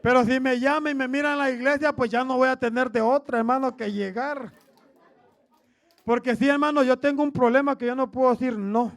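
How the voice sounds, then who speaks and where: A man preaching a sermon in a loud, booming voice, calling his listeners "hermano" after nearly every phrase. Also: steady tone, a little fast, some chatter behind.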